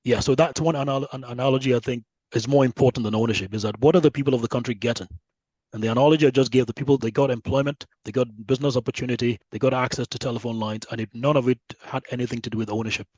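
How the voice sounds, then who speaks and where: On a lo-fi recording without echo, a Nigerian-accented guest researcher races through his views in a podcast interview, leaning on analogies. His medium-pitched voice is a little mellow and fairly even in intonation, and he keeps checking in with "right?" and "you know."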